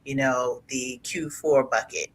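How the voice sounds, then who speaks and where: A woman talking in a casual live chat, animated and quick to laugh, acting out her own past thoughts as she speaks. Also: very deep voice, a little hiss or hum, rough recording. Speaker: co-host in a live conversation.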